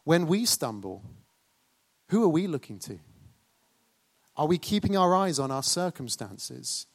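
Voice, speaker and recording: Man preaching a lively sermon. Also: fairly high pitch, measured pace. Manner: lively, questioning the congregation.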